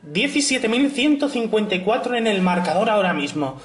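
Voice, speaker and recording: A man's voice: high voice, sing-song, brisk. A young man narrating a puzzle video game, playful and jokey, humming nonsense syllables between remarks. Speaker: gameplay narrator. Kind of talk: narrated let's play commentary.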